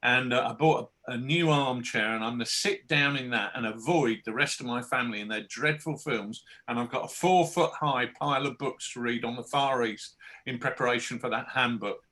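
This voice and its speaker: A man's voice: mid-range voice, moderate pace, bright, forceful tone. A man who designs games, chatting on a hobby podcast with blunt, grumbling humour. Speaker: game designer and podcast regular. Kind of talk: casual podcast chat.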